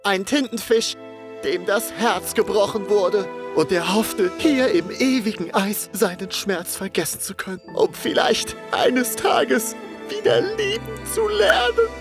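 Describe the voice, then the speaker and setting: A man voicing an excitable, theatrical cartoon character who turns out to be an alien. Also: very high voice, normal speed, music in the background. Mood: dramatic. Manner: theatrical, dramatic exclamations.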